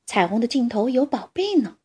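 A woman voicing a curious, dreamy badger in a storybook, musing softly. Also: fairly high pitch, very animated, fairly quick, slightly rough.

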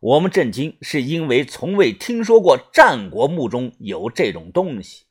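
A man narrating a first-person adventure story as an audiobook, in an animated storytelling manner. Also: mid-range voice, normal speed, husky.

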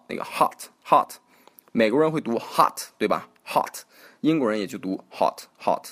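A man hosting a casual spoken lesson on English pronunciation, chatty, correcting himself as he goes and repeating example words aloud. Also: medium pitch. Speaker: host teaching English pronunciation.

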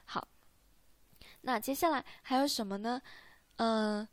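A woman's voice: fairly high pitch, slow pace, dry recording. A woman teaching a beginner language lesson, patiently repeating words and often checking with "right?".

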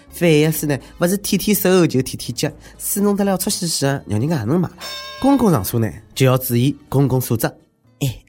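A male host with a clear Shanghai accent delivers humorous news commentary. His pitch swings in an animated way as he mocks and needles in a conversational tone. Music plays behind his voice. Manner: sarcastic, mocking, conversational delivery.

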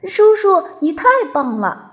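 High squeaky baby dinosaur boy, as a woman puts him on, childlike, tearful, very lively pitch, storybook voice, dull lo-fi recording. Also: slow. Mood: happy. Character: small crybaby baby dinosaur boy, sweet and sad.

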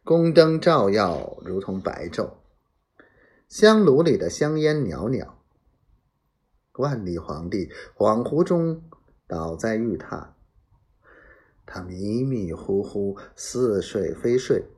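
A man reading a serialized historical novel aloud as a storyteller, dramatic and acting out sound effects in hushed whispers. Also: lowish voice, very animated, takes it slowly.

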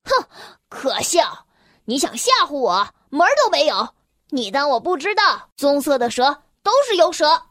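Lady reading as a mean little boy bully, high and jeering, dry close sound. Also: lively intonation, measured pace, a bit bright, no room sound. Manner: jeering, then groaning in pain. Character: bratty mean boy bully, later weak and sorry.

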